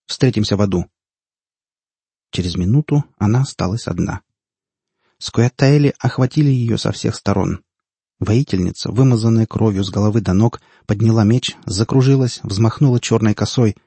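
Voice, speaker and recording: A man reading fantasy audiobook narration in a measured, steady way. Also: lowish voice, breathy edge, dry recording. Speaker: audiobook reader.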